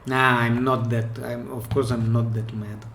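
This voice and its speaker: A man with a Russian accent gives relaxed commentary on viewer clips. He talks at an unhurried pace and often breaks off to restart a phrase. The sound has the echo of a bare room. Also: mid-range voice, vocal fry, slight background noise. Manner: chatty, hesitant, restarts mid-phrase. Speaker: pen spinning channel host. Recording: echoey room.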